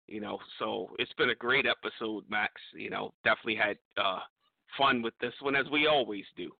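A man hosting a radio show, thanking sponsors and callers in a relaxed way with many fillers. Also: on the low side, fairly quick, creaky, dry recording, phone-quality sound. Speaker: radio host.

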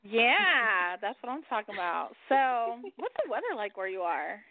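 A woman's voice: a little high, sing-song, measured pace, dry recording. A woman hosting a radio show in casual chat, who swears freely and laughs often. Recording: dry, phone-like line.

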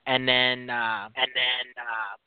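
An American man hosting a casual live internet radio talk show in a halting, informal way. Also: mid-range voice, level tone, smooth. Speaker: wrestling talk show host. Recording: muffled phone-like line with echoed doubling.

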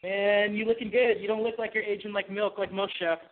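A line cook chatting casually, upbeat and teasing with an enthusiastic manner. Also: male voice, high-pitched, flat delivery, brisk. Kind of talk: casual podcast chat. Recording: tinny phone-like line.

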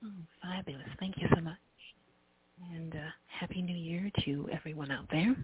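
A woman calling in to a radio show over a phone line, polite and gently hesitant, about to share a poem. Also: low voice, moderate pace, slightly rough. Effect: heard over a phone line into a radio show. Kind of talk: call-in chat, reading a poem.

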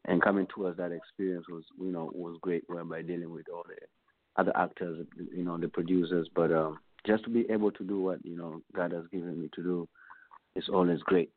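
A man's voice: deep voice, steady tone, a little fast, dry recording. A man, a musician guest answering interview questions in a meandering, reflective way. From Tanzania. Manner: meandering, reflective, many filler phrases. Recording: tinny phone line, dry.

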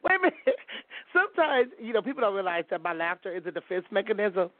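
A woman hosts a call-in show over a thin, tinny phone line, her slightly high voice swinging widely in a sing-song way. She talks quickly, bluntly and outspokenly, laughing easily. The sound is dry and close, with no room sound.

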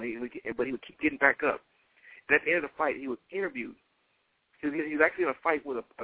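Male motivational preacher, slightly higher-pitched, fervent and emphatic, repetitive rhetorical delivery, narrow phone-quality audio. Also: no echo. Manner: fervent, emphatic, repeating phrases for effect. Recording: thin, phone-like radio-style sound.

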